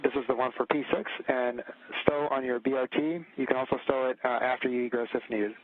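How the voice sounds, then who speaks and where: A man acting as mission communicator, giving measured procedural instructions over a radio. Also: medium pitch, steady tone. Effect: radio transmission. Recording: tinny radio link with faint static.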